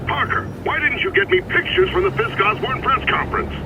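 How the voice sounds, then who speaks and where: Jameson, high-pitched barking older boss. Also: male voice, expressive, fairly quick, vocal fry, dull audio, background noise. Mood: irate, scolding. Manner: barking, scolding. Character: irascible, bossy older male newspaper boss. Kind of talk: video game voice acting.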